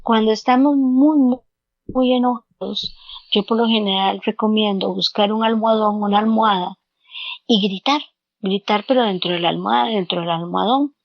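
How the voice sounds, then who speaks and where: A woman's voice: medium pitch, moderate pace, vocal fry, dry recording. A woman guest giving counseling advice in an interview, explaining step by step and repeating words as she searches for them. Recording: dull lo-fi, dry sound.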